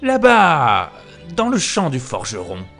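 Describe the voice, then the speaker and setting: A man voicing a sly, hungry wolf in a storybook reading, drawn-out, coaxing and menacing. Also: fairly high pitch, huge pitch swings, vocal fry, fairly bright tone, faint music behind, exaggerated voice.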